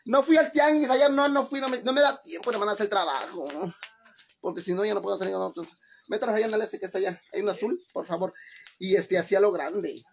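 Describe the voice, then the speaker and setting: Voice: mid-range voice, a little fast, creaky. Mexican-accented streamer yakking into a phone at home, cussing, laughing, bit of background hiss. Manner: chatty and profane, keeps calling the audience "sisters"; loud and laughing, dashing around the house with the phone. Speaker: livestream host. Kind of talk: casual livestream chat.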